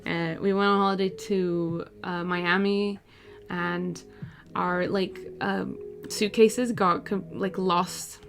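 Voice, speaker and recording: A woman's voice: on the low side, little pitch movement, takes it slowly, hardly any pauses, fairly bright tone, faint music behind. A woman in her twenties, from Portugal, chatting casually with viewers on a live stream while she draws, laughing easily as she answers messages. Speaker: art streamer.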